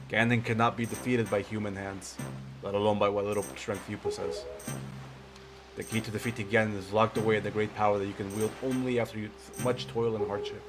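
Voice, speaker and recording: A man's voice: on the low side, lightly acted, rough recording. Casting: man to play wise old sage boat in a video game, solemn royal guide, formal delivery, music underneath. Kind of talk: video game character read-aloud.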